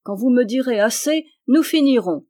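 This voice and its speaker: A reader voicing a stern, loyal man-at-arms who calls out commands loudly while training a young knight. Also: medium pitch, expressive, normal speed, pitched above the performer's own voice, close to an everyday voice. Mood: respectful.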